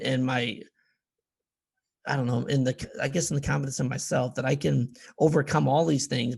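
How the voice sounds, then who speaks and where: A man in his forties, a podcast guest and author, talking in casual conversation in a halting way, often repeating words as he searches for them. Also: mid-range voice, vocal fry, breathy edge. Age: 40s.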